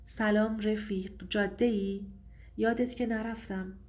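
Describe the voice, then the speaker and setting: A woman's voice: mid-range voice, natural voice. A woman voicing a cold scheming hitchhiker. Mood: taunting. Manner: calm, threatening. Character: menacing mysterious female hitchhiker, cold and scheming.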